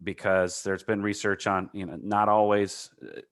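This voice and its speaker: A man with a Minnesota accent answering technical questions in a webinar, halting with many fillers and self-corrections. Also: lowish voice, steady tone, a bit bright, no echo, studio quality. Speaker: concrete paving presenter.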